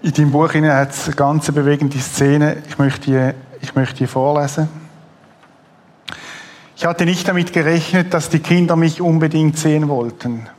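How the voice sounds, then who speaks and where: A man's voice: fairly high pitch, fairly even intonation, moderate pace, a little mellow. A man hosting an interview, reading a book passage aloud and murmuring agreement. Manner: attentive, frequent murmured agreement. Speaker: host, interviewer.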